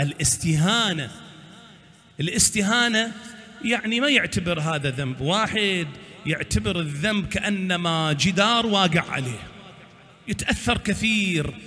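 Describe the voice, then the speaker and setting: A man's voice: high-pitched, fairly bright tone, in a large hall. A man preaching a sermon, exhorting his listeners and answering his own rhetorical questions.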